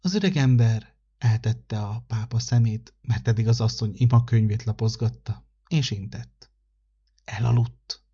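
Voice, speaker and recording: Husky-voiced male storyteller, calm measured reading, dull lo-fi recording. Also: mid-range voice. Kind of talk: read-aloud children's story.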